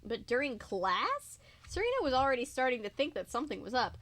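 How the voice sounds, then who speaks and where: A woman's voice: high-pitched, sing-song, a little fast, a bit bright. A young woman reading a book aloud at home into a microphone, swearing and exclaiming in disbelief between passages. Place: indoors, at home.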